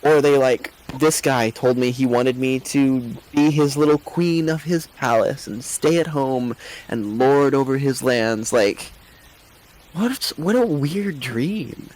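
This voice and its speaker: A man's voice: medium pitch, slow pace, a little mellow, close to an everyday voice, rough recording. A man voicing a flustered, lovelorn young woman who stammers about her dating troubles. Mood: rueful.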